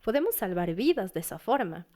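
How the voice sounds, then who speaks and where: An earnest woman psychologist talks through her advice at a medium pitch. She speaks plainly and steadily, and now and then slips into the voices of worried parents. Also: big pitch swings, fairly quick, dark tone. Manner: earnest, advising, acts out parent and teen voices. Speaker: psychologist guest. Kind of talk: casual interview talk.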